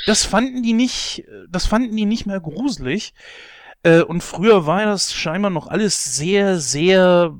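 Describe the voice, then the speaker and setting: A man's voice: sits high, unhurried, no echo, studio quality. Man telling a story in casual chat. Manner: storytelling, animated when amused. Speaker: podcast co-host. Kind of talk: casual podcast chat about films.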